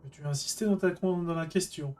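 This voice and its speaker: A game master explaining rules and narrating a tabletop scene in a halting way, with many filler sounds. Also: mid-range voice, darkish tone, soft background music. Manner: hesitant, frequent filler sounds.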